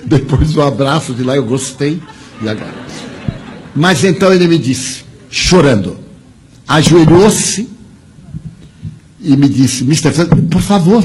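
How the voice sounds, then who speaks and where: An older man, telling an earnest personal story that swings from raised to hushed. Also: mid-range voice, slightly rough. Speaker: speaker. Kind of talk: storytelling talk.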